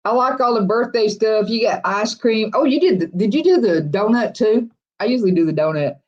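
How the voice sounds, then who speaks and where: Rambling through viewer comments in a casual chat, a livestream host chuckles often and keeps restarting sentences. The voice is medium-pitched and brisk, and the livestream audio sounds dull and lo-fi.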